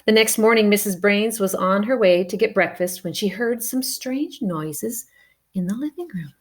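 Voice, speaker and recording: A woman reading a children's picture book aloud, expressive and adding playful spoken asides. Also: medium pitch, normal speed. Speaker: storybook reader.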